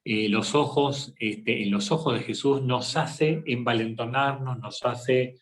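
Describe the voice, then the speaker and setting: A man, a psychologist giving a reflective faith talk, speaking slowly with many pauses and fillers. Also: medium pitch, fairly even intonation. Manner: slow and halting, many fillers and tag questions. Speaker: psychologist leading a faith workshop. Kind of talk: reflective talk with a scripture reading.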